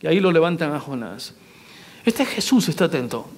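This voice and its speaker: High-voiced male pastor preaching. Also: very animated, normal speed. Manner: preaching with rhetorical questions to the congregation; acts out quoted lines in varied voices. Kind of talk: sermon.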